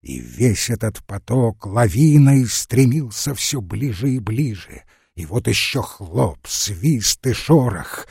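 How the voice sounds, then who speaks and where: A man reads a classic novel aloud with a slow, deliberate pace. His voice is husky and the recording is dry and close. His delivery builds dramatic tension. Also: mid-range voice, darkish tone, no room sound. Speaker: audiobook narrator. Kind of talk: scripted narration of a classic novel.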